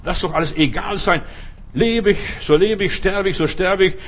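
A middle-aged male preacher giving a fervent sermon, talking straight to the listener and swinging between loud exhortation and quiet asides. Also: sits high, moderate pace, a little hiss or hum. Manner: addresses listener directly as du.

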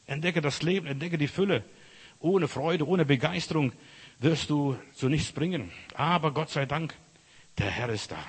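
A man preaching a lively sermon, swinging from loud cries to quiet asides. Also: fairly high pitch, moderate pace, breathy edge. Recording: echoey hall reverb.

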